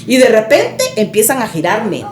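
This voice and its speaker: Woman guest, dramatic storyteller, higher voice, echoey room. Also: big pitch swings, normal speed, a little mellow, soft background music. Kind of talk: recounting a personal story.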